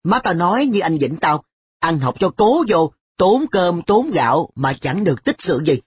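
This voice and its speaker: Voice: mid-range voice, sing-song, normal speed, breathy edge, no room sound, highs cut off, voice pushed up. A reader voicing a carefree, cheeky schoolboy who talks in an offhand, shrugging way in a story reading. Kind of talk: audiobook dialogue.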